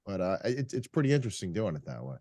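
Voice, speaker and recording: A congested, tired man hosting a casual podcast chat. He rambles with lots of fillers and clears his throat often. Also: sits low, very animated, fast talker, mellow, no room sound, clean studio sound. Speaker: podcast host.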